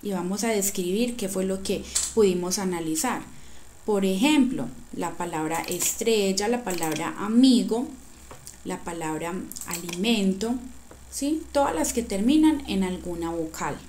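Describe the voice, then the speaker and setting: A woman teacher talks steadily through a recorded workbook lesson, her voice at an ordinary middle pitch. She explains patiently and keeps checking in with short questions. A faint hiss of noise sits behind her. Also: lively intonation, a little slow, darkish tone.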